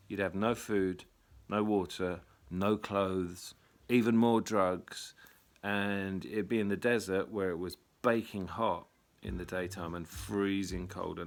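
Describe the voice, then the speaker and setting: Gravelly, profane man. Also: low-pitched. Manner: profane, wry and blunt. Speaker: retreat leader. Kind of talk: casual storytelling monologue.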